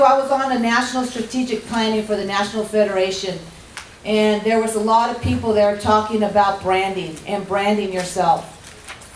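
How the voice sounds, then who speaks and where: A middle-aged woman with a hoarse, gruff voice giving a welcome speech at a rules clinic, talking informally with many ums and restarts. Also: mid-range voice, a little hiss or hum. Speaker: executive director of a state activities association. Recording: echoey hall from far off.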